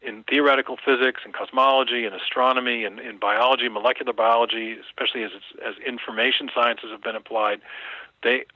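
A man speaking as an interview guest, in a measured, professorial storytelling manner. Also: mid-range voice, steady tone, no echo, dull audio. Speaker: guest author. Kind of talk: interview conversation.

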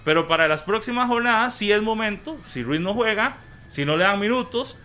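A man on a sports panel who talks high and with a bright, forceful edge. He presses his point again and again and tells the others to keep the debate respectful. His delivery is firm and argumentative. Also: animated, a little fast. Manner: insistent, calls for respect.

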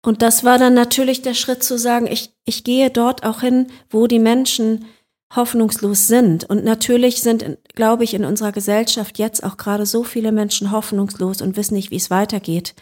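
A German woman musician, appearing as an interview guest, reflects on her work in a slightly high, flat voice at normal speed. Her tone is a little mellow, and she sounds thoughtful, searching for words with frequent fillers and restarts.

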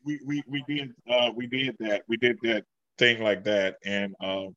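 A man who wrestles in a mask, answering interview questions with frequent halting restarts while searching for words. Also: mid-range voice, steady tone, pushed and bright, dry recording, highs cut off. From Greece. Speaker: masked wrestler.

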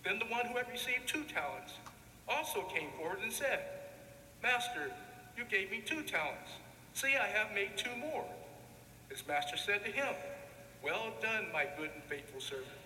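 A man reads scripture solemnly in a high, very forceful and bright voice. His phrasing is measured and declamatory. The sound carries a long cathedral echo, with some noise in the recording. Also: big pitch swings. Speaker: deacon reading the Gospel. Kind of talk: solemn liturgical scripture reading. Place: large reverberant church. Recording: echoey church, long reverb, background noise.

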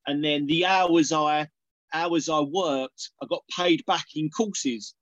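A man's voice: a little high, takes it slowly, a bit bright, no echo, muffled recording. A middle-aged man with an Essex accent talking casually as an interview guest, hesitating and repeating words as he thinks. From Essex, England. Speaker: podcast guest, organic dairy farmer.

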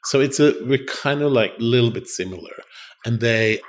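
A man's voice: mid-range voice, moderate pace. Chatty man telling travel stories. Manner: animated storyteller, acts out voices in quotes. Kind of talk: casual storytelling chat.

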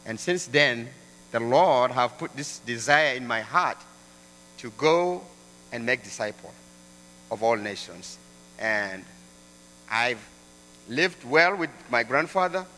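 A man's voice: mid-range voice, sharp tone. A man in his thirties from South Sudan giving an earnest church testimony as a guest speaker. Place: church sanctuary. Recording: long hall reverb, faint mains hum.

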